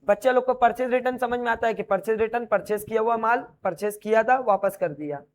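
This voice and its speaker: A commerce teacher with a high-sitting voice and brisk delivery gives a classroom lecture. He poses each key term as a question and answers it immediately, explaining all the while as he writes on a board.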